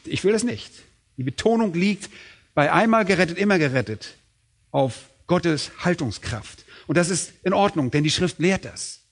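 A man's voice: sits high, animated, normal speed. A middle-aged man preaching a sermon, emphatic, asking questions and answering them himself. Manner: emphatic, asks and answers his own questions.

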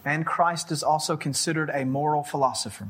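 A man teaching a theology lecture in short sentences, pausing so an interpreter can translate. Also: a little high, steady tone, a bit bright, breathy edge.

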